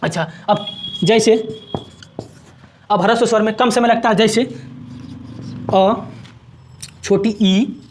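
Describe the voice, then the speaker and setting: A man's voice: high-pitched, steady tone, slow, pauses often, a little hiss or hum. A man teaching a grammar lesson at a board, asking questions and answering them himself and repeating each definition.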